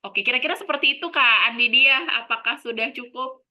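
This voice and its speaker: A woman moderating an online talk, relaxed and filler-heavy. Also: high voice, brisk. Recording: dull lo-fi call audio.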